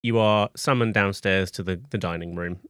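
A man's voice: deep voice, moderate pace, fairly bright tone, clear, resonant tone, dry recording, studio quality. A man running a tabletop game as game master, narrating in a laid-back, chuckling way.

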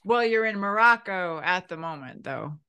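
A woman's voice: fairly low pitch, lively intonation, moderate pace, bright, forceful tone, clear, resonant tone, muffled recording. A woman hosting a podcast interview, reacting with enthusiasm and encouragement. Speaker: podcast host. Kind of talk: casual interview.

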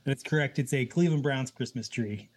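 A man in his thirties speaks as a podcast guest in easy, casual conversation. He is relaxed and laughs easily as he talks. His pitch sits in the middle for a man. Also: brisk.

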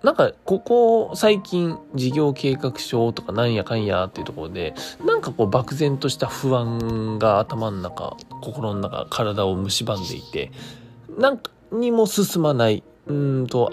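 A chatty man hosting his own daily talk stream talks over music at a moderate pace, his pitch lively and swooping. In this casual solo monologue he mixes polite presenter phrasing with chatty asides, thinking aloud in a hesitant, meandering way.

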